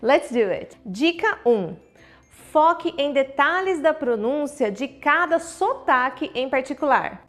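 High-voiced Brazilian English teacher. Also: female voice, takes it slowly, faint music behind. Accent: Brazilian Portuguese. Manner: lively, addresses the viewer directly and demonstrates English words. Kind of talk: online video lesson with tips.

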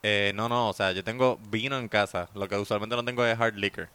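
A man's voice: fairly low pitch, steady tone, brisk, pushed and bright, clean tone. A man co-hosting a casual podcast chat, explaining his ideas at length and correcting grammar. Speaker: podcast co-host.

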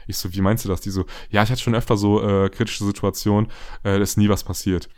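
A man's voice: fairly low pitch, level tone, fast. A young man telling a personal story in a casual chat, rambling with slang and fillers and turning often to speak to his listeners directly.

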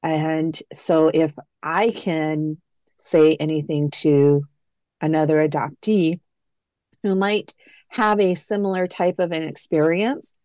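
A woman's voice: sits low, steady tone, slow, a little mellow, dry recording. A woman who is an adoptee guest, reflectively telling her story in a casual interview and quoting past phone calls. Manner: reflective, retells phone calls with quoted dialogue.

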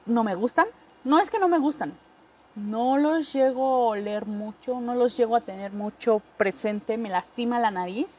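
A Mexican woman hosting a podcast, joking casually and acting out coworkers in quick impressions. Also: on the high side, a little mellow. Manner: chatty, jokey, acts out coworkers in quick impressions. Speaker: podcast host. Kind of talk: casual comedic monologue.

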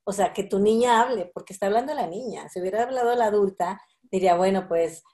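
A woman's voice: mid-range voice, quick pace, warm tone. A middle-aged woman hosting a casual group conversation, thoughtful and often laughing. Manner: reflective, laughs often, acts out quotes.

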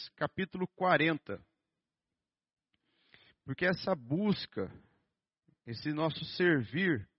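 A man with a Brazilian Portuguese accent preaching a sermon in a conversational way, with joking asides and a slow, stressed reading of scripture. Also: on the high side, no room sound. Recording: dull, dry lo-fi sound.

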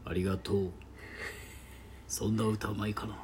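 Man doing a disguised deep voice, Osaka Kansai accent, lowered and suave, faint room hiss. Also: little pitch movement, natural voice. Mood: mock-suave. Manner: deliberately deepened, suave delivery. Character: man putting on a lowered, smooth "good voice". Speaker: radio show host. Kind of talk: casual radio chat.

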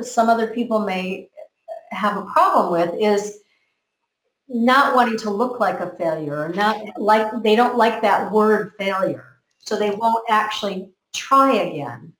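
A woman from America, talking earnestly in a group conversation and often repeating words as she works out her thoughts. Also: a little high. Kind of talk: motivational group chat. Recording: roomy echo.

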